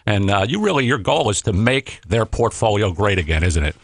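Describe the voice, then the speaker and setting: A man's voice: lowish voice, very animated, a little fast, dry recording, clean studio sound. A man co-hosting a radio show, delivering polished promotional patter in a salesy manner. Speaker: radio co-host.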